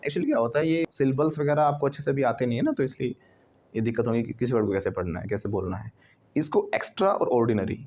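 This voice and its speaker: A man teaching a bilingual English lesson in a classroom. He prompts a student to repeat phrases, checks "right?" often, and says words over and over slowly to drill their pronunciation. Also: medium pitch, a little mellow.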